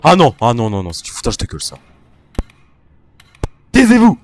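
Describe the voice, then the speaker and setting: A man's voice: on the low side, very fast. A man commentating his horror game playthrough, often panicking and talking straight to his viewers. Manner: panicky, excitable, talks to viewers. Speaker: gamer.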